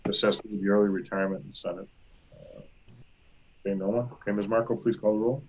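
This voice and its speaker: A man, the town supervisor, chairing a virtual board meeting. He is brisk with procedure and fills his explanations with ums and uhs. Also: lowish voice, fairly even intonation, dull audio, slight background noise. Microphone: video call.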